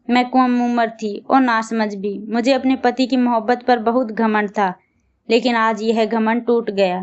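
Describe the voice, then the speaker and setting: A woman telling a first-person story as narrator, reading at a steady, even pace. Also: on the high side, clear, resonant tone, muffled recording.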